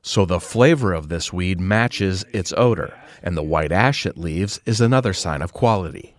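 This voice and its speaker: A man's voice: low-pitched, expressive, moderate pace. A man reading scripted feature narration as a reporter.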